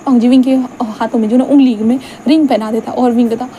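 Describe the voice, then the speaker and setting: A woman's voice: on the high side, steady tone, quick pace, warm tone, a little hiss or hum, rough recording. A woman telling a fan fiction story in a casual, chatty way, mixing in English words and briefly acting out the dialogue.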